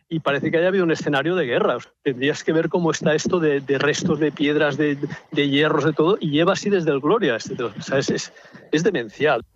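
Angry spokesman, husky rapid voice, dull lo-fi sound. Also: fairly high pitch, no echo. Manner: indignant, emphatic. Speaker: spokesman of residents' association. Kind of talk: outdoor interview soundbite.

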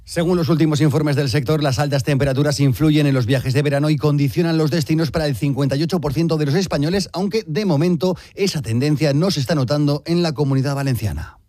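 Quick polished male reporter. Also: on the high side, warm tone, no echo, studio quality. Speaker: news reporter. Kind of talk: scripted news voice-over.

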